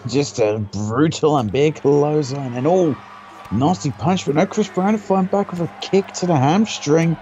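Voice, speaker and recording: A man's voice: on the high side, moderate pace, dark tone, muffled recording, slight background noise. A man working as a wrestling co-commentator, informally describing the moves and backing up the calls.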